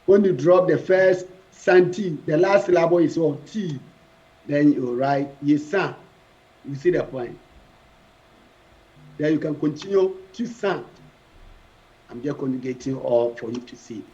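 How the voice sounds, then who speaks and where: A man teaching French verbs to a classroom, slow and deliberate, repeating each form and firing questions at the class. His voice sits a bit high, and the recording sounds muffled and lo-fi. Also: mellow.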